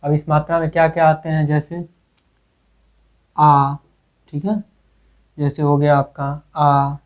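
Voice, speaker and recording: A man's voice: fairly high pitch, level tone, normal speed. A male teacher giving a grammar lesson, asking questions and answering them himself with many repetitions. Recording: tinny phone-like recording.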